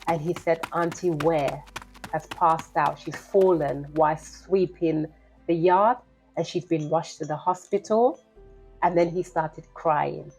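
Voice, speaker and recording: A woman's voice: sits low, creaky, slightly rough, poor audio. A woman, telling a personal story to her vlog viewers in an earnest, direct way and calling them "guys". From Liberia. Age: 50s. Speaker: vlogger.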